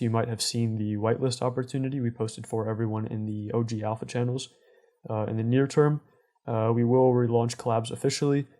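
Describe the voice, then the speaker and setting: Dark-voiced man hosting a project update. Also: medium pitch. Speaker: host of community update show.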